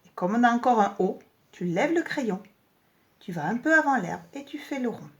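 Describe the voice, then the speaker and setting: Casting: female teacher, higher voice, very animated delivery, speaks slowly and clearly to small children. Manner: slow, clearly articulated, encouraging teacher talk. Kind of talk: home-schooling lesson video for young children.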